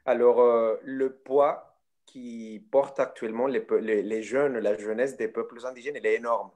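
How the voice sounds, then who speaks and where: Man, mid-pitched voice, hesitant, french speaker, online panel answer. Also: steady tone, normal speed, a little mellow. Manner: hesitant, searching for words.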